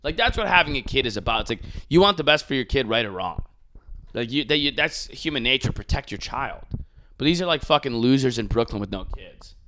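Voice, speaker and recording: A man's voice: mid-range voice, expressive, fairly quick, bright, forceful tone, slight background noise. A young man hosting a podcast, ranting casually with profanity and mocking imitations of people he disagrees with. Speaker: podcast host.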